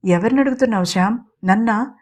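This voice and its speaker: A woman's voice: fairly high pitch, a little fast, lightly acted. A woman voicing an angry, wounded middle-aged mother who questions sharply in an audio drama. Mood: indignant.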